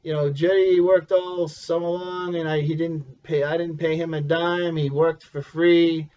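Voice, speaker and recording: A fond, mock-stern middle-aged dad with a French Canadian accent, as his son puts him on. He speaks a little higher than his son, taking his time. The recording is dull and lo-fi. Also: level tone, a little slow, close to an everyday voice. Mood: pleading earnestly. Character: kindly middle-aged immigrant father, fond but threatening.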